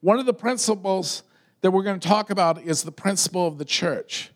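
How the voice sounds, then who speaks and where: Preaching in a loud, conversational style, this male pastor repeats words again and again to build his argument. His voice sits high and his delivery is brisk.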